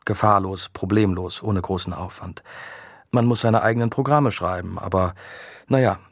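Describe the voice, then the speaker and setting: A man voicing a patient, thoughtful young male scientist who explains things calmly in an audiobook. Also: low voice, normal speed, no room sound, clean studio sound. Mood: explaining. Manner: calm, explanatory.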